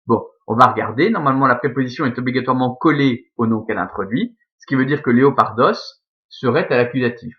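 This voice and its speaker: A man's voice: medium pitch, lively intonation, fast, highs cut off. A man teaching a Latin grammar lesson, explaining patiently step by step and checking in with his students.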